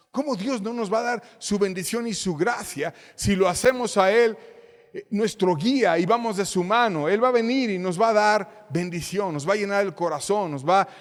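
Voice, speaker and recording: A man's voice: sits high, long reverb tail. A man pastor preaching an earnest sermon, repeating phrases and reading scripture aloud. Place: church hall.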